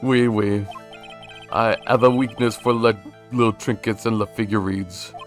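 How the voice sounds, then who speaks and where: A man's voice: fairly low pitch, steady tone, unhurried, soft background music, voice pushed up, lightly acted. A man voicing a flamboyant, theatrical male French chef in a mock French accent, gushing and dramatic, dropping French words.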